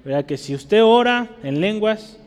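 A man's voice: high-pitched, animated, a little slow, smooth. A man teaching a sermon as a pastor, explaining scripture in a didactic way and checking with his listeners through constant tag questions. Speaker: pastor teaching a Bible study. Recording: long hall reverb.

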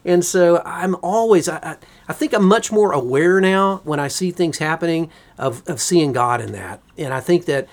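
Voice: mid-range voice, lively intonation, normal speed, few pauses. A church podcast co-host talking in a reflective, enthusiastic way, often saying "you know". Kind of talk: casual church podcast discussion.

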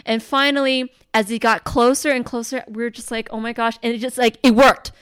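A woman telling a story in casual chat, animated and full of "like", with casual swearing. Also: on the high side, a little fast, clean tone, no echo.

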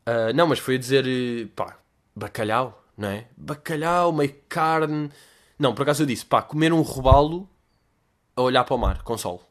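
A young adult man with a European Portuguese accent, telling stories as a podcast host in a slangy, animated way that gets louder when he is excited. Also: mid-range voice, moderate pace. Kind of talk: casual storytelling monologue.

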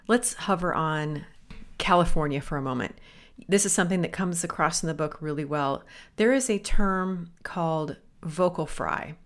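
Low-voiced woman interviewer. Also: moderate pace. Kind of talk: interview questions.

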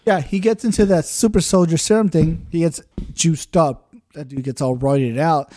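A high-pitched man chatting casually with his friends. He rambles, swears freely and keeps checking in with "right?". The sound is dry and close to the mic. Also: normal speed, darkish tone, dry recording. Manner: profane, rambling retelling with many "right?" checks. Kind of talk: casual chat. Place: room with friends, drinking beer.

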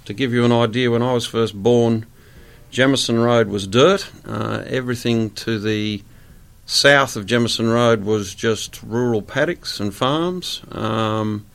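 An Australian man in his sixties, a guest chatting in a relaxed interview, rambling with many fillers. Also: medium pitch, measured pace, gravelly, clear, resonant tone. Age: 60s.

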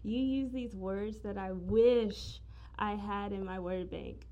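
A woman's voice: mid-range voice, takes it slowly, noisy background. A woman guest on a podcast, chatting casually and effusively with frequent giggles. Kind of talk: casual chat.

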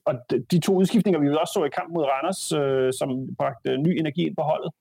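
A man's voice: on the high side, fairly even intonation, creaky, dark tone, breathy edge, dry recording. A Danish man talking football on a podcast, hesitant and frank, often repeating words as he thinks. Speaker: podcast panelist. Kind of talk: casual football chat.

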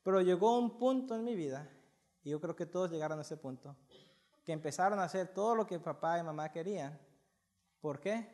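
Impassioned high-voiced male preacher. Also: lively intonation, brisk. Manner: impassioned, repeats words, rising loudness, asks the audience questions. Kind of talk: sermon to a congregation.

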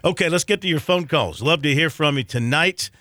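A man hosting a sports talk radio show, reading off team rankings in a chatty way with many pauses and fillers. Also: a little high, sharp tone, no echo. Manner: chatty, reads off stats with many ums and uhs.

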